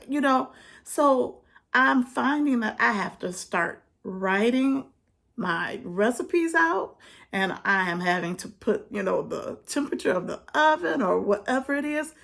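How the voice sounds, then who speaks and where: Woman in her 50s chatting to her channel, slow easygoing talk, laughs a lot. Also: a little high, gravelly. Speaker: vlogger. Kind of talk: casual chat to camera.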